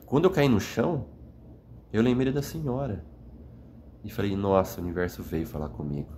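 A man with a lowish voice talks to the camera late at night, earnest and wandering, often checking with the listener. He sounds worn out after a long day of crying. A faint hum of room ambience sits behind him. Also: normal speed, warm tone. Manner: earnest, rambling, frequent "né?" tags. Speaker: vlogger. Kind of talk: emotional reflective monologue. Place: indoors, at night.

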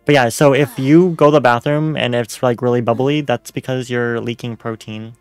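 A man chats casually while streaming a game, relaxed and teasing with easy laughs. His voice sits in a middle pitch, with faint game music underneath. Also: normal speed, smooth. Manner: laid-back, teasing, laughs often. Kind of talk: casual chat while gaming.

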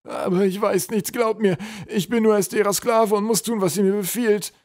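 A man voicing a terrified, whimpering male pack troll who pleads in a high, trembling voice. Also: fairly even intonation, fairly quick, darkish tone. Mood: pleading.

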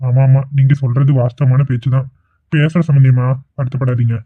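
A man's voice: medium pitch, flat delivery, a little fast, no echo, natural voice. A man voicing a kindly middle-aged relative in a cartoon, speaking earnestly and soothingly. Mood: courteous. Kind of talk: cartoon voice acting. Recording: dry, tinny phone-like audio.

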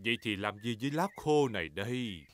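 A man's voice: mid-range voice, lively intonation, a little fast, very noisy, close to an everyday voice. A man voicing a jolly, easygoing middle-aged father pig in a Vietnamese cartoon dub, hearty and fatherly. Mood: pondering. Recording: music behind the voice.

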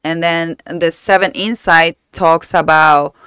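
A woman's voice: low voice, steady tone, slow pace, fairly bright tone, clean tone, dry recording, clean studio sound. A woman co-hosting a casual book club podcast, speaking earnestly and encouragingly, often checking in with "right?". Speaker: podcast co-host.

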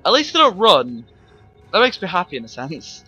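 A young man narrates his horror game run, swearing and yelping when startled. His voice is bright and fairly high, swinging widely in pitch. Faint game music plays behind him. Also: wildly swooping pitch, moderate pace, slightly rough, highs cut off. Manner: jumpy, swearing, laughing, yelling when startled. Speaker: gameplay commentator. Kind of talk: let's play commentary.

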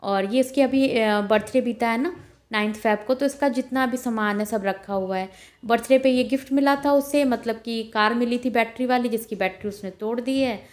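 Chatty young woman giving a house tour. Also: fairly high pitch. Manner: chatty, homely, walking while filming. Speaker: home vlogger. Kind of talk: casual house tour narration. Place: small rented flat, indoors and on balcony. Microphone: phone camera held while walking.

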